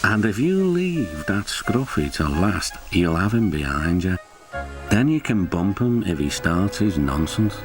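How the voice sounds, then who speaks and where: A man's voice: deep voice, very animated, unhurried, voice pushed down. A man voicing a loyal, respectful old brake van in a storybook cartoon, speaking in a confiding tone over music.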